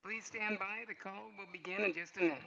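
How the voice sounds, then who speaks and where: A man's voice: sits high, fairly even intonation, brisk, vocal fry, bright, forceful tone. A man hosting a question and answer webinar, his audio cutting out with uneven volume. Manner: casual, chatty. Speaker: webinar host. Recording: muffled dry call audio.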